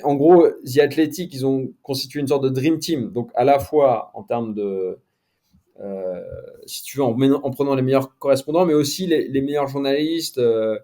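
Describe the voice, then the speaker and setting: Middle aged guy, sports journalist, warm mellow voice, lots of euhs and restarts. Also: mid-range voice. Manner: hesitant, many fillers and restarts. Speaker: sports journalist, podcast guest. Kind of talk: casual conversational interview.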